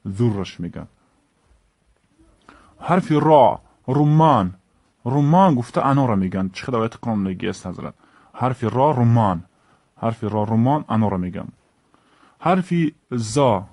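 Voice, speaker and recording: Brief: male teacher, Tajik accent, slow drill voice, dry close sound. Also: mid-range voice, lively intonation, a little mellow, no room sound. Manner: slow, repeats each word, stresses letter names. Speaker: Arabic teacher. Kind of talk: alphabet lesson.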